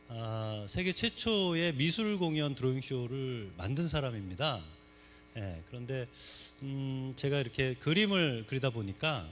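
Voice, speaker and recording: A middle-aged man from Seoul gives a humorous talk to a church congregation. He jokes a lot and keeps asking the audience questions. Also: medium pitch. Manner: lively, joking, asks the audience questions. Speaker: guest speaker at a church service. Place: church sanctuary.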